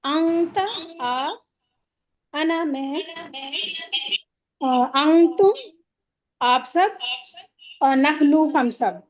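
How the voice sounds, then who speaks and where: A woman student reciting Arabic words with pauses on a video call. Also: high-pitched, a little mellow, muffled recording.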